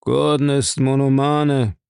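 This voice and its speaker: A man voicing a big scornful man with a slow dismissive drawl. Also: medium pitch, flat delivery, gravelly, a little mellow, clear, resonant tone, dry recording, clean studio sound, pitched above the performer's own voice.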